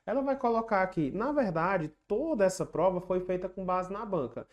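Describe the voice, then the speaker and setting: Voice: medium pitch, lively intonation, moderate pace, dull audio. Patient teacher repeating grammar rules. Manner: chants rhyming memory tricks. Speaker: exam prep teacher. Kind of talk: online exam-prep lesson.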